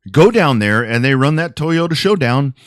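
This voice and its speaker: A man hosting a racing talk show, rambling and quick to laugh. His mid-pitched voice sits close to the mic in a dry, dead room. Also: animated, no room sound. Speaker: podcast host. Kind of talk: casual sports talk.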